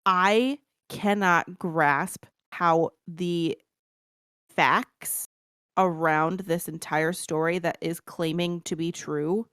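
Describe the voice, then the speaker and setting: A woman's voice: fairly low pitch, fairly bright tone, smooth, no echo, clean studio sound. A woman co-hosting a podcast in casual chat, blunt and emphatic, swearing often. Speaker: podcast co-host.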